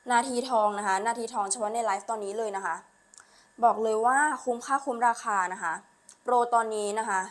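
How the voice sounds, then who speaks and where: A woman speaks as a live-stream seller in a mid-pitched voice. She delivers a hard sell, repeating her selling lines and urging listeners along, with polite particles closing most phrases.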